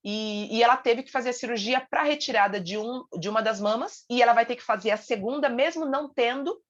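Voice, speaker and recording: A woman's voice: on the high side, fairly quick. Chatty Brazilian woman, muffled audio. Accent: Brazilian Portuguese. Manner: chatty, many fillers and restarts. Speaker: Bible study teacher and sales team leader. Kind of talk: casual online Bible lesson.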